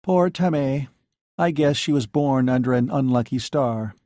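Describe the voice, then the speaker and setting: A man's voice: mid-range voice, a little slow, dark tone, no echo, clean studio sound, natural voice. A man reading an audiobook, voicing a young woman bar owner who speaks coldly and acerbically. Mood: detached. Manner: clipped and cutting.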